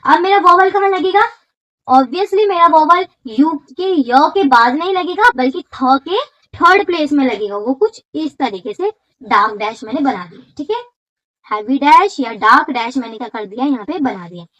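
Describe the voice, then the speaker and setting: A woman's voice: high-pitched, fairly bright tone, muffled recording. A woman teacher explaining a shorthand lesson step by step, often checking whether her students follow.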